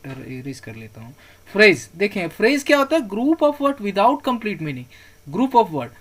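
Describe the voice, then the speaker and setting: Using slides, a man with a high, somewhat bright voice teaches grammar terms. He says key words slowly so learners can pronounce them, poses questions he then answers himself, and reassures everyone not to worry.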